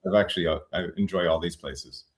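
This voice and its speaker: A retired immigration lawyer, a man with a very low voice, is a guest in a relaxed conversational interview. He thinks aloud and reflects, circling back, restarting sentences, and filling pauses with "um" before he lands his point.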